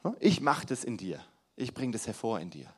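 A young man preaching a sermon to a congregation, his voice sitting in the middle of the male range. He swings between loud, punchy emphasis and quiet, close asides, often asking the room questions. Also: mid-range voice, sing-song, normal speed, breathy edge. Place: church hall before a congregation.

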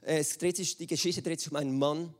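A man delivers a sermon to his congregation. His voice sits a little high, and he reads the scripture with lively expression, shifting his tone for the quoted speakers. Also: fast talker. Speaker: preacher. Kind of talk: sermon with Bible reading. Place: church hall with screen.

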